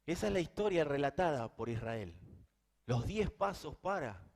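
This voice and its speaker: A middle-aged man with a Rioplatense Spanish accent preaching a sermon, dropping to hushed intensity and then rising to loud emphasis. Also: on the high side, sing-song, normal speed. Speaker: pastor.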